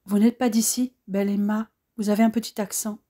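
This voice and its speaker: A woman voicing a wounded young soldier who has just woken, softly spoken and earnest. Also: medium pitch, little pitch movement, fairly quick, close to an everyday voice. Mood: tender.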